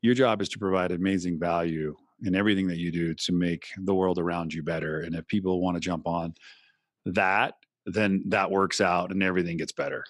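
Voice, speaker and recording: A man's voice: low voice, a little fast, no room sound, studio quality. A man, a former radio host, talking casually and animatedly as a podcast guest. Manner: animated, talks in long stretches, acts out quotes. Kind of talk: casual interview chat.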